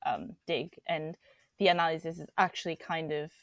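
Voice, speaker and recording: A woman's voice: low-pitched, steady tone, normal speed, a bit bright, no echo, studio quality. A woman co-hosting a podcast, thoughtfully summing up what the guest has said, with the odd "um". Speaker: podcast co-host. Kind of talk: podcast conversation.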